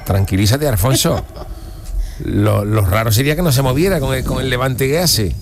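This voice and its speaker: A man's voice: mid-range voice, moderate pace, background noise, lightly acted. A man playing a cheeky, unflappable joker with a Cádiz Andalusian accent and colloquial banter in an improvised comic role-play. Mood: unimpressed banter. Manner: colloquial, bantering, brashly unimpressed.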